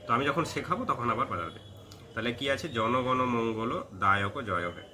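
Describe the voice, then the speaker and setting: A man teaching a flute lesson, slowly chanting note names and singing the lyric lines between short spoken explanations. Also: mid-range voice, expressive, pushed and bright. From India. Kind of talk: step-by-step music lesson. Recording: music clearly heard behind.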